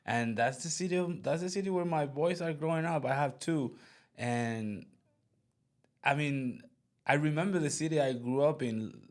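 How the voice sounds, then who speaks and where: Eager Venezuelan host, stumbling friendly. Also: male voice, on the high side. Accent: Venezuelan Spanish. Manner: enthusiastic, halting, repeats words. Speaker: podcast host. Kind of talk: casual interview chat.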